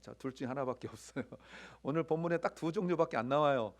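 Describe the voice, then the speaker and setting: Korean-American male pastor, slightly high voice, lively sermon with sudden hushed drops, talks straight to the congregation. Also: fast. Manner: animated preaching that swings between loud bursts and hushed near-whispers; conversational, asks the congregation questions.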